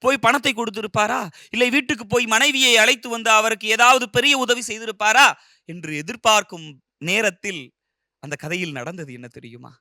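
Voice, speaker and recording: Casting: expressive male storyteller, high, bright voice, dry close recording. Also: moderate pace, dry recording. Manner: expressive, animated. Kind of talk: retelling a short story.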